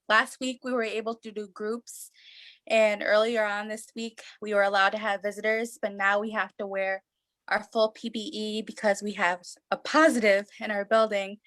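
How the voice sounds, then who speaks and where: A woman's voice: medium pitch, a bit bright, dry recording. A woman speaking gratefully on a video call, gushing about a platform that has helped her. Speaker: webinar participant.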